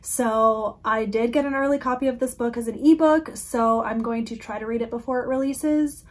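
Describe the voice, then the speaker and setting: A woman's voice: a little high, steady tone, moderate pace. A woman chatting casually to camera as a book vlogger, giggly and losing her voice, sometimes dropping to a near whisper.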